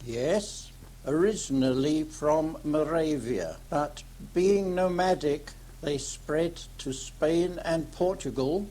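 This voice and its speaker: A man gives measured, explanatory answers as a local potter being interviewed. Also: fairly high pitch, warm tone. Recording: amateur 1985 tape with hum.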